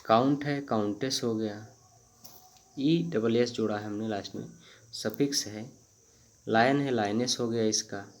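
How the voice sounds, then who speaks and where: Slow, gravelly man teaching grammar. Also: on the low side. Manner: explains slowly in Hindi, reads English rules very slowly word by word; repetitive, hesitant with fillers. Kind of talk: Hindi-medium grammar lesson.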